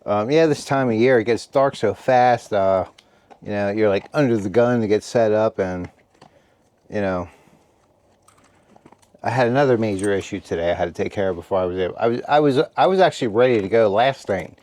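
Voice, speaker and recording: A tired, relaxed man chatting casually to his viewers from inside a heated tent at night, rambling and stopping to talk to his dog. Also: fairly low pitch, a little fast. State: tired after a meal. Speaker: camping vlogger. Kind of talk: casual vlog chat.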